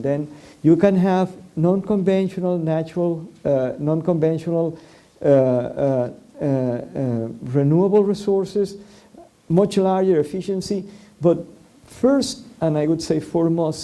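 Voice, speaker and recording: Speaking on a public forum panel about policy, a Venezuelan man whose first language is Spanish has a very dark, mellow voice that sits on the high side. He hesitates frequently, filling pauses with "uh," repeating himself and restarting until he finds his point.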